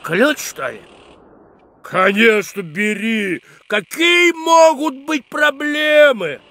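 High, swooping jovial cartoon geologist. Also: male voice, animated, takes it slowly, a bit bright, heavily acted. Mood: hearty. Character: jovial grateful male geologist in a cartoon game. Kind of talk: animated adventure game acting.

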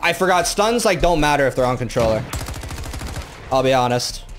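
A man's voice: mid-range voice, lively intonation, moderate pace. A young man in casual gaming banter, brash and slangy, with repetitive trash talk. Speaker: gamer. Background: music.

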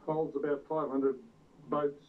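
Male home-video narrator, tinny, hissy old VHS tape, a bit high and off-mic, tour-guide manner. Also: level tone, distant mic. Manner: unhurried, pointing out sights like a tour guide. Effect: old VHS tape sound.

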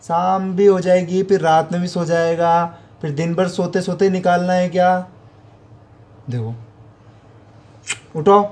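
A man's voice: sits high, fairly even intonation, takes it slowly, long pauses, darkish tone. Playful man coaxing his sleepy dog. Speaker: vlogger. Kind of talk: casual pet vlog narration. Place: home, indoors.

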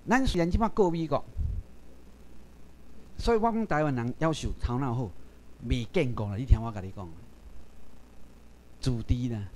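High, lively-voiced man lecturing emphatically. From Taiwan. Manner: emphatic, animated, keeps addressing the audience directly with rhetorical questions. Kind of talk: lecture to a seated class.

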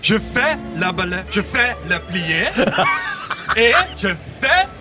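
A man puts on a hot-tempered ballet dancer with a very high voice and mangled French grammar. He drags his words out slowly and bursts into shouts, swooping up and down. Loud music plays behind him in an outdoor market street. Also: sing-song, heavily acted. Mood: indignant. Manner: shouting, repeating himself, foreign-sounding broken grammar. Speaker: street contestant.

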